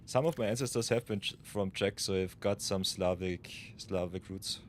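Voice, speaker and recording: A man's voice: low voice, moderate pace, slight background noise. A man from Austria chatting casually while streaming a game, thinking aloud as he plays. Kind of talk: live gameplay commentary.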